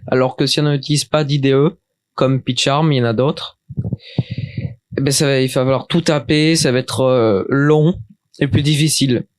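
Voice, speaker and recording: A man walks through a software install at his desk in a loose, chatty way, stumbling over words and restarting his sentences. His pitch sits in the middle of the usual range. The sound is dry and close, with no room around it. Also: fairly even intonation, moderate pace, no room sound. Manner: hesitant, many restarts and fillers, chatty. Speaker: tutorial maker. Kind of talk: casual screen-recorded software tutorial.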